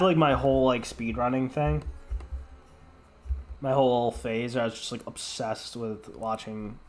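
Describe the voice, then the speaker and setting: Sick young man rambling casually. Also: medium pitch. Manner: rambling, heavy filler words, profane. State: sick, congested. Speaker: streamer. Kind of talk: casual rambling stream chat.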